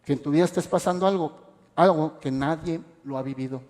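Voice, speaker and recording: Impassioned pastor. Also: male voice, fairly high pitch, a little fast, a little mellow. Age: adult parent. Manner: impassioned preaching with rhetorical questions. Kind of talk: radio sermon. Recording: echoey hall reverb.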